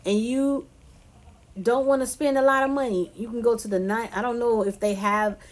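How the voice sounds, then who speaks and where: A woman's voice: on the high side, fairly even intonation, normal speed. A woman from California giving a casual cooking tutorial, chatty and loose, addressing viewers as "y'all" and "you guys". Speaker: cooking vlogger.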